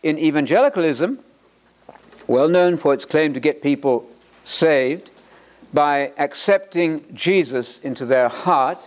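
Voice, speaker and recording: A man giving a lively preaching lecture, emphatic and animated, with repeated words and joking asides. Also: fairly high pitch, unhurried.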